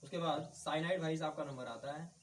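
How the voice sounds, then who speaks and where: A man teaching chemistry in a slow lecture, repeating each term and talking to his students as kids. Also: fairly high pitch. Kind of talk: blackboard lecture. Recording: distant mic with faint background noise.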